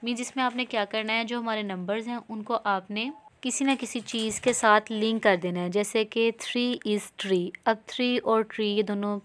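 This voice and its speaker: A woman with a Pakistani accent giving an exam-prep lesson, reading English lines slowly and explaining them in mixed Urdu and English. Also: a little high, fairly even intonation, a little hiss or hum. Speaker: teacher.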